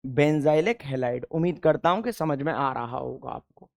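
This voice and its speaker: A male chemistry teacher lecturing a class, asking questions and answering them himself, and repeating key terms slowly. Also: a little high, gravelly, darkish tone.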